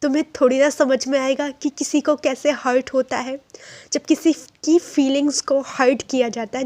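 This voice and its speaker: A woman's voice: high voice, a little mellow, no echo, lightly acted. A woman voicing a hurt, angry young man who bitterly accuses the friend who deceived him, mixing in English phrases.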